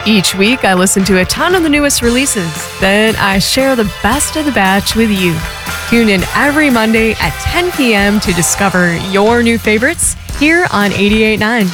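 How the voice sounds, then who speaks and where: A woman's voice: on the high side, lively intonation, moderate pace. A woman reading a recorded radio promo for a music show in an upbeat, scripted announcer style. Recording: station promo over loud music.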